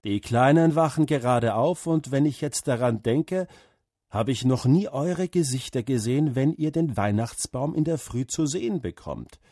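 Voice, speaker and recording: A man voicing a loving farmer father who speaks warmly and with emotion, in a husky voice. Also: mid-range voice, animated, normal speed, no echo, studio quality, pitched above the performer's own voice. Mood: moved.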